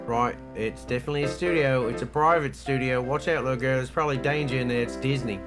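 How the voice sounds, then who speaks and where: A man's voice: medium pitch, steady tone, quick pace, close to an everyday voice. A man doing a put-on Australian bloke voice, drawling and laid-back, riffing comedically over an old cartoon. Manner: drawling, peppering lines with "mate". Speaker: co-host. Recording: music playing behind.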